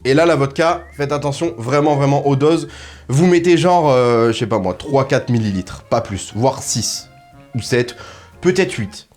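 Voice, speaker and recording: A man's voice: mid-range voice, unhurried, darkish tone, soft background music. A man hosting a comedic cocktail tutorial, talking straight to the viewer in crude, ironic, mock-serious patter. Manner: addresses viewer directly. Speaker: host.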